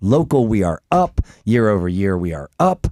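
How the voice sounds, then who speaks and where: Lively joking man hosting a podcast, low voice. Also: normal speed, slight background noise. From Tampa, Florida. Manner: joking, lively, walks through numbers. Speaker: podcast host, mortgage lender. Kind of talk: casual real estate chat.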